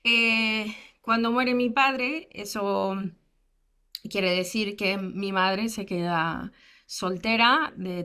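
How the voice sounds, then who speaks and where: A woman in her thirties from the United States, speaking as an invited guest at a lecture, gives personal testimony about her childhood. Her delivery is candid and peppered with fillers, with occasional self-deprecating humor. Her voice sits at an ordinary mid pitch and sounds a bit bright.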